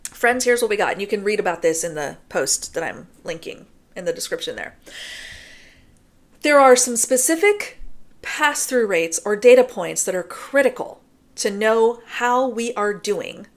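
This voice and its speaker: A woman in her thirties telling a work story to her viewers in a chatty, animated way, often laughing and acting out what people said. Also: medium pitch. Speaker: recruiting vlogger. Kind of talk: casual storytelling to camera.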